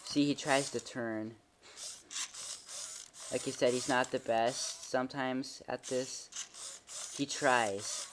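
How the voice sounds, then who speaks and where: A reviewer giving a casual hands-on demonstration in a halting, informal way, often trailing off. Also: medium pitch. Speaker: toy reviewer. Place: carpeted living room at home. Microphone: handheld camera held by the speaker. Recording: noisy home video with mechanical clicking. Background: robot toy motor whirring and clicks.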